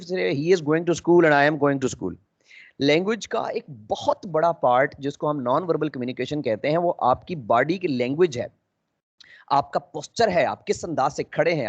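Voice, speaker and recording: Man teaching in a lo-fi recording. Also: on the high side. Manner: explanatory, mixes English phrases, frequent 'uh' pauses. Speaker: English teacher. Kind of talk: lecture lesson. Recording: dull lo-fi audio.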